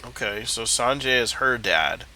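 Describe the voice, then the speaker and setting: A male gameplay streamer with a stuffy nose rambles and thinks aloud in casual let's-play commentary while playing a video game. His mid-range voice is expressive, unhurried, bright, and forceful, with a little hiss or hum in the audio.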